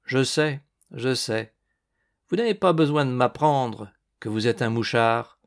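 A man voicing a young male farmhand who talks slowly and turns bitter and indignant. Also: mid-range voice, lively intonation, creaky. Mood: defiant. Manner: slow, then bitter and indignant. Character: young male farmhand, slow-spoken and defiant.

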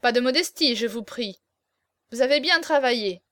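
A woman's voice: fairly high pitch, expressive, normal speed, no room sound. A woman reading the part of a scheming, commanding nobleman prince, curt and imperious, in an audiobook. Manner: curt, imperious, louder than the narration.

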